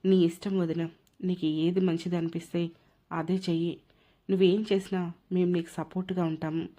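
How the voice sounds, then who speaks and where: A woman's voice: on the low side, flat delivery, moderate pace, dark tone, lightly acted. A woman voicing a young sister-in-law who speaks up boldly to defend her brother's wife. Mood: tearful. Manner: outspoken, supportive. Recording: dull lo-fi recording.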